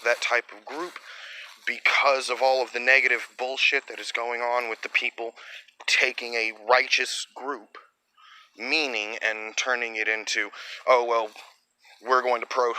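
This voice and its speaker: A man's voice: medium pitch, flat delivery, measured pace, bright, forceful tone, clear, resonant tone, low-quality recording. A man delivering a blunt, profane opinion monologue in a ranting way.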